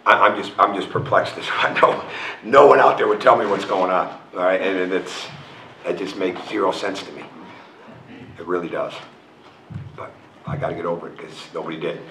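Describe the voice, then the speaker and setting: Low-voiced coach at a press conference. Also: male voice, moderate pace, bright, forceful tone, slight background noise. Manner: frank, repetitive, restarts phrases. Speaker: college basketball coach. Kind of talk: post-game press conference answers. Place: press room in front of a logo backdrop. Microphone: table mic on a stand. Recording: roomy, picked up from a distance.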